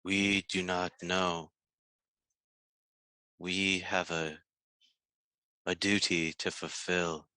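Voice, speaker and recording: A man voicing a subterranean insect swarm that speaks as "we", in a halting, hesitant way. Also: low voice, little pitch movement, sharp tone, clean tone, no room sound, heavily acted, low-quality recording. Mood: wary.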